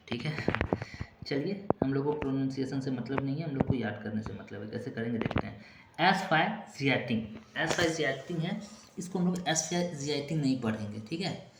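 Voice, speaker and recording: A man teaches exam vocabulary in a classroom style, repeating each memory trick several times and dropping in short check-in asides. His voice echoes around a room, and there is clear noise behind it. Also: medium pitch, expressive, moderate pace. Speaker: exam-prep English teacher.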